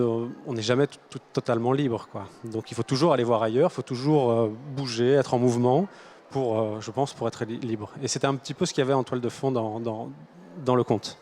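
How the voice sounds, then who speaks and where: A man's voice: medium pitch, a little mellow. A man, a children's author, explaining his book in a hesitant, thoughtful way with frequent restarts. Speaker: author guest. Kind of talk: casual interview answers.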